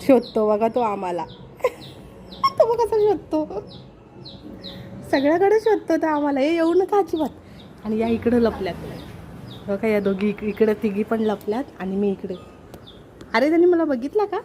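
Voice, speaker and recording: A woman with a slightly high voice chats excitedly in a home vlog. She talks playfully, straight to her viewers. Faint noise and bird chirps sit behind her. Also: normal speed. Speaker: vlogger. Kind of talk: casual vlog chat. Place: home with a sofa.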